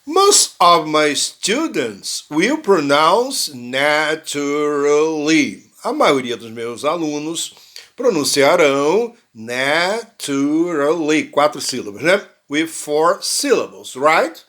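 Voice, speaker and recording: A man teaching English pronunciation. His voice sits slightly high and swings widely in pitch. He speaks unhurriedly, repeating words and checking in with his listeners. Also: big pitch swings, fairly bright tone. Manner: reads English lines slowly, then translates and explains in Portuguese; frequent "né?" and "ok?" tags, restarts. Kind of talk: bilingual language lesson.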